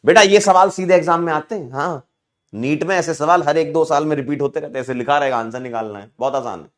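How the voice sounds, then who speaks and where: A man's voice: a little high, fast talker. A man from India teaching chemistry in a live online class, playful and teasing, counting aloud as he explains.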